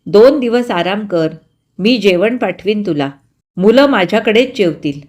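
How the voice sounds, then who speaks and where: A caring older neighbor woman fusses over someone in a concerned voice, as a woman storyteller puts her on. Her words come slow and insistent. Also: mid-range voice, lively intonation, a little mellow. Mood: kind. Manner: fussing, concerned.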